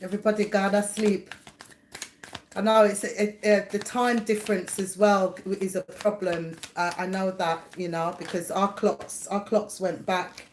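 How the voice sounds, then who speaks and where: A woman's voice: mid-range voice, level tone, unhurried, slight background noise. A middle-aged woman, hosting a casual live chat from home, chatty and rambling, laughing often and greeting viewers by name. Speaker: livestream host and psychic reader. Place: home, indoors.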